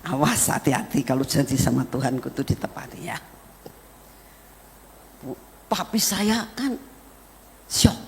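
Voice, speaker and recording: Lively woman pastor in echoing church. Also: a bass voice, a little slow, creaky, pauses often. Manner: lively storytelling, acts out family dialogue, addresses congregation as saudara. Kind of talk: sermon with personal story. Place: church hall. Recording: reverberant church hall, faint room noise.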